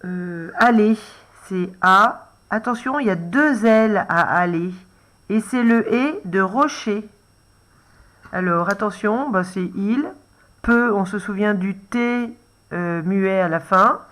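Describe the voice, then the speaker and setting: Patient, unhurried French woman teacher guiding young children through a dictation letter by letter. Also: medium pitch. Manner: gentle, explains letter by letter, reminds to pause the video. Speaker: first-grade teacher.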